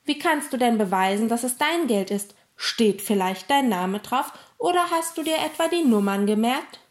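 A woman's voice: on the high side, lively intonation, normal speed, lightly acted. A woman reading a storybook voices a stern bank cashier who questions a boy strictly. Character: stern middle-aged male bank cashier.

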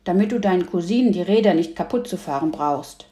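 Eager, stubborn boy, loud and emphatic, put on by a woman reading aloud; roomy sound. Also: on the low side, animated, fairly quick, natural voice.

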